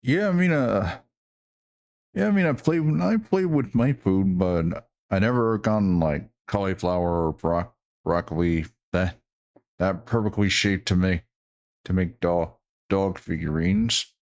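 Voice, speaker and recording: A man reacts off the cuff in a somewhat low voice. His delivery is very slow and halting, and he often doubles back to repeat a word or phrase before finishing the thought. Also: a little mellow. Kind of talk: casual reaction commentary.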